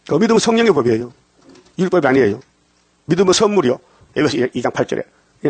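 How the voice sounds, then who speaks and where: An older man delivers a dawn sermon in a fairly high, husky voice, recorded with no room sound. He fires questions at the congregation and answers them himself in a call-and-response style.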